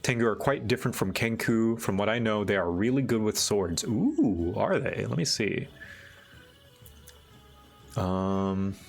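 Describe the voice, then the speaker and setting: A man hosting a livestream, chatting casually and thinking aloud in a halting, musing way. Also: fairly low pitch, animated, creaky, faint music behind. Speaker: livestream host.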